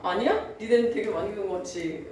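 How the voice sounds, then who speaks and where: A woman's voice: medium pitch, fast talker, darkish tone, heavy reverb, recorded from a distance, a little hiss or hum, rough recording. A young adult woman teacher giving a classroom lecture, chatty and often checking in with her students. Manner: drawls out words when demonstrating old pronunciation. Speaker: Korean language teacher.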